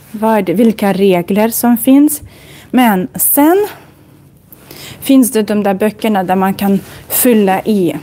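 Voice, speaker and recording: Mellow-voiced woman teaching Swedish. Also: medium pitch, slight background noise. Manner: slow, clear demonstrating speech for learners; chatty, recommends books while browsing. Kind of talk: casual live lesson on a walk. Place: library, indoors.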